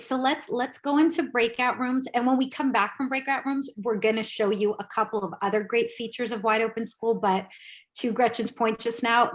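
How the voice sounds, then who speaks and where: A woman facilitating a teacher workshop over a video call, upbeat and organizing the group. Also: fairly high pitch. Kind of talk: casual video-call discussion.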